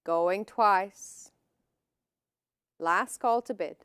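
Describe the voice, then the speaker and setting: A woman's voice: mid-range voice, very slow, a bit bright, smooth, no echo, clean studio sound. A woman working as an auctioneer, calling lots and bids in a formal, clipped, repetitive manner.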